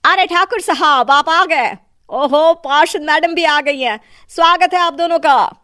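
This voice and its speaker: An eager, fawning townsman from a cartoon moral tale played by a woman. The voice is high and sharp, with a dry, close sound, always deferential. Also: a little slow, no room sound. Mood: welcoming. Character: deferential, flattering townsman seeking favours. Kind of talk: cartoon moral-story acting.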